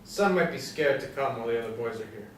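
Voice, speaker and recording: A man's voice: medium pitch, animated, fast, natural voice. A young man in his twenties playing a fussy, petty ice cream seller who speaks in a pedantic, awkward way. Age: 20s. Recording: roomy, distant from the mic, faint noise.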